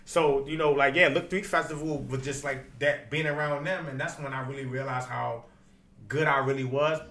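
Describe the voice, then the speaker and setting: A man with a Baltimore accent telling stories casually as an interview guest, in slangy, unfiltered, animated speech. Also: mid-range voice, normal speed, slight background noise. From Baltimore, United States. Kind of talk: casual conversational storytelling.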